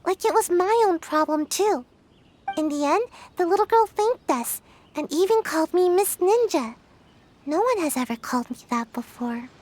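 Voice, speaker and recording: A woman's voice: extremely high pitch, expressive, normal speed, darkish tone. A woman voicing a lazy, sleepy young girl ninja in a game, talking in a drowsy, offhand, teasing way. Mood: reflective. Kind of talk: game voice acting.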